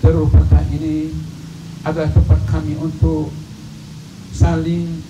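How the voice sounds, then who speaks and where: A man leading a gathering in a long, slow prayer, with many repeated appeals to God. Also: a little high, completely flat delivery. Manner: slow, repetitive supplication with frequent "ya Allah". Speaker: prayer leader. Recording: echoey, distant, dull and noisy hall recording.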